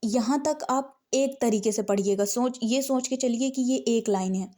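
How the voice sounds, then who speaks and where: A woman teaching scripture recitation, patiently breaking verses into slow, word-by-word chanting. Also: on the high side, mellow.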